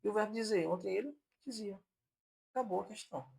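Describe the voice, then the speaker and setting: Male grammar teacher, fairly high voice with a husky edge, patient repeat-it-back explaining. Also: a little fast, a little mellow. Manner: explanatory, repeats points on purpose to fix them. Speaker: Portuguese teacher. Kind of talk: online exam-prep lesson.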